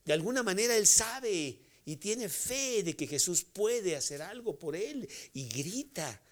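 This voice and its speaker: A male preacher with a Mexican accent delivers a sermon in a somewhat high voice. He swings between loud, pressing phrases and hushed, whispered endings. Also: sing-song, unhurried.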